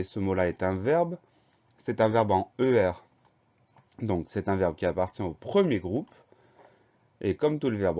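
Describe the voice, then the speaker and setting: A man's voice: fairly low pitch, darkish tone, highs cut off. A man teaching a children's spelling lesson, patiently explaining words and spelling them out letter by letter.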